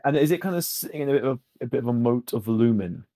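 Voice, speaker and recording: A man's voice: mid-range voice, expressive, quick pace, warm tone. A man playing a tabletop game, asking questions in casual chat.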